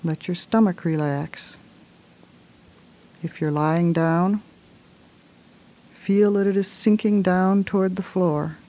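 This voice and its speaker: A woman leads a guided relaxation in a soft, hushed voice, giving gentle, soothing instructions in short phrases. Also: fairly low pitch, fairly even intonation, takes it slowly, long pauses, poor audio.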